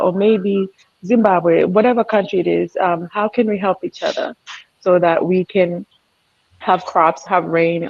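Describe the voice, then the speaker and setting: A woman's voice: lowish voice, a little mellow, husky. A woman on a virtual panel, speaking in an earnest, admiring way with many fillers. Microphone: video call. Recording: dull lo-fi video call audio.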